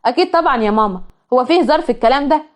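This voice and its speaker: A woman's voice: high voice, lively intonation, rapid-fire. A woman with an Egyptian accent voicing a playful, impatient young man who teases eagerly. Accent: Egyptian Arabic. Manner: teasing, eager.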